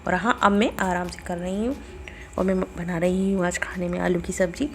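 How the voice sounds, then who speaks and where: Homely Bundelkhandi-accented woman, 40s, gravelly daily-vlog chatter on a phone mic. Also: fairly low pitch, steady tone, normal speed, a little hiss or hum. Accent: Bundelkhandi Hindi. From India. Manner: chatty, homely, retells family talk. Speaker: vlogger. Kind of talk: casual daily vlog narration. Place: home, kitchen.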